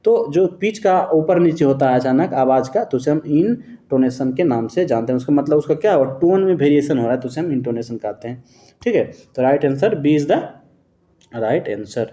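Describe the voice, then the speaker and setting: A man's voice: fairly high pitch, lively intonation, normal speed, mellow, roomy sound. A man teaching an exam-prep lesson, walking students through answer choices step by step, quizzing them with rhetorical questions and now and then correcting himself mid-sentence. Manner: addresses students fondly as "babu".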